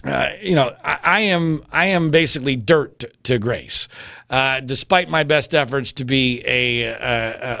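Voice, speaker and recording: A man's voice: medium pitch, gravelly, fairly bright tone, no room sound, studio quality. A middle-aged man hosting a podcast, answering listener questions in a wry, rambling way with many filler words. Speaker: podcast host.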